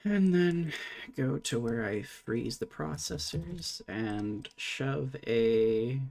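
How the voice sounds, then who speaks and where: A man's voice: medium pitch, lively intonation, extremely slow, creaky, a little mellow. A man streaming live while programming, thinking aloud in a casual, muttering way and swearing now and then.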